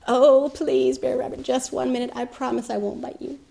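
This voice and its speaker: A woman's voice: flat delivery, gravelly, warm tone. A woman doing a wheedling cold snake. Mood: pleading. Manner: high, drawn-out pleading. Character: pleading cold male snake, sly and wheedling.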